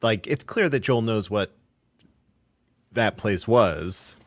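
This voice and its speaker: A man's voice: on the low side, animated, slow pace, no echo. A man co-hosting a casual podcast about a video game, laid-back and a little hesitant, often repeating words as he thinks. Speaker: podcast co-host.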